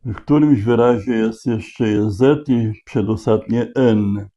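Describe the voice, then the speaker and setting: A man thinking aloud as he solves a crossword, slowly spelling out letters and checking each word. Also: lowish voice, dark tone. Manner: slow, deliberate, spelling out letters. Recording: dull lo-fi recording.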